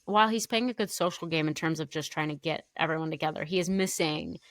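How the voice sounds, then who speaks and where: A young woman co-hosting a casual recap podcast, chatting quickly and acting out quotes in a raised voice. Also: sits low, fairly bright tone, no echo, studio quality. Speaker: podcast co-host.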